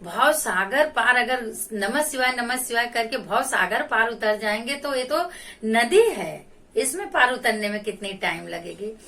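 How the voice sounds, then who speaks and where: A woman's voice: fairly high pitch, animated, sharp tone. A woman narrating a devotional folk tale, repeating her phrases as she retells it, heard from a distance off the mic. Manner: slow, repetitive retelling. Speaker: devotional storyteller. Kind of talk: religious folk storytelling.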